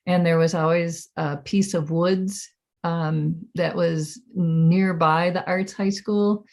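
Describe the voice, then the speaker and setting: Slow-spoken older American woman, oral history interview. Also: fairly low pitch, fairly even intonation, darkish tone. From Minnesota, United States. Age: 70s. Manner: halting, reflective recollection.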